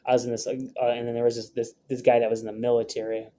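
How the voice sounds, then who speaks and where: A man's voice: medium pitch, completely flat delivery, fast talker, mellow, a little hiss or hum. Brash, profane young man telling a story. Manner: profane, brash, rambling with many fillers. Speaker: vlogger. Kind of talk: casual storytelling to camera.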